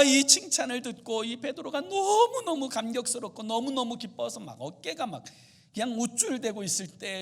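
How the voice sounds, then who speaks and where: A male pastor delivering a sermon dramatically, swinging from loud exclamations to hushed murmurs. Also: very high-pitched.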